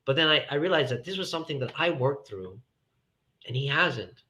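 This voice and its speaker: A man with a mid-pitched, bright and forceful voice speaks in a casual, personal conversation. He sounds earnest and emphatic, circling back over his phrases as he reflects. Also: animated, fairly quick.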